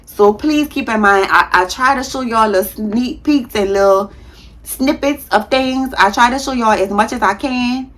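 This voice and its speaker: A woman in her thirties, a nurse, chatting casually to her viewers in a vlog, talking fast with a heavy tongue and sometimes tripping over words. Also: fairly high pitch, a bit bright. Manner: frank, slangy, addresses viewers as y'all. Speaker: nurse and content creator.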